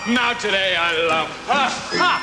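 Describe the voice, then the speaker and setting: A man's voice: high voice, animated, unhurried, music in the background, rough recording. A man playing an elated, lovestruck young shop clerk, singing in a stage musical. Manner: joyful, tumbling sung phrases. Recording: live stage recording, loud orchestra.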